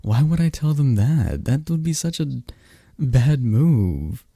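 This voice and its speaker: In this ASMR roleplay, a young man plays a close friend, talking in a chatty, animated way to an unheard listener from a script. His mid-range voice moves slowly with a breathy edge, and there is no room sound.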